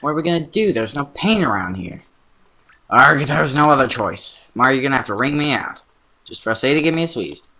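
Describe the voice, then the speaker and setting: A brash talking paint can with a big ego barks orders and cracks jokes, as a man puts him on. The voice is bright and cutting, with a husky edge, and it swings up and down with a lot of bounce. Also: mid-range voice, big pitch swings, a little fast, heavily acted. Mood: bossy. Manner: brash, bossy and wisecracking. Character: cocky talking male paint can sidekick. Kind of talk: let's play voice-over.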